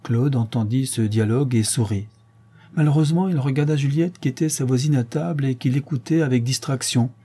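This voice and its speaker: A man reading a 19th-century novella aloud as an audiobook narrator, with measured, expressive storytelling. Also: mid-range voice, slightly rough.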